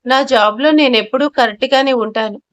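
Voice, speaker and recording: A confident, lecturing woman officer stands her ground in court, as a female storyteller reads her lines. She speaks firmly in a fairly high voice and drops in English phrases. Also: brisk, close to an everyday voice.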